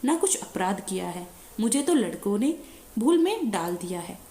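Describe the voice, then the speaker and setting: A woman's voice: medium pitch, sing-song, moderate pace, dark tone, reverberant, natural voice. A woman voicing a devoted young daughter-in-law in a devotional story, pleading tearfully.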